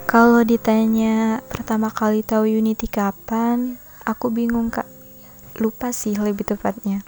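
Unsure soft-spoken woman, flat mellow voice. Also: a little high, a little slow, soft background music. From Sambas, West Kalimantan. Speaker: fan.

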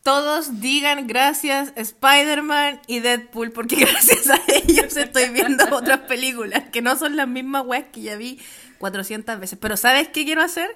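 A young woman with a Chilean Spanish accent chats as a podcast co-host. Her voice sits a little high, and she talks loosely, swears often and breaks into laughter while gushing like a fan. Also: normal speed, sharp tone. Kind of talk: casual chat.

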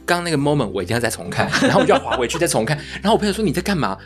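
A man co-hosting a casual chat podcast, an animated storyteller who acts out what his friends said. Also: a little high, rapid-fire, faint music behind. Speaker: podcast co-host.

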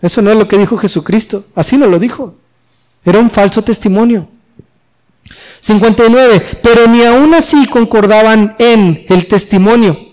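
Male preacher, high-pitched, reading scripture and expounding it with emphatic, rising delivery. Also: moderate pace, a little mellow. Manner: reads scripture then explains it, rising emphatically on quoted questions. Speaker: pastor. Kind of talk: expository sermon.

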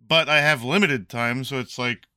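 A man hosting a podcast, talking in casual, profane, animated chat. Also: mid-range voice, moderate pace, slight background noise. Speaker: podcast host.

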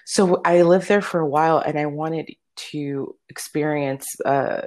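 This interview guest, a thirty-something opera soloist and native Spanish speaker, shares stories in relaxed conversation. Her voice sits low and sounds a little mellow, with a measured pace.

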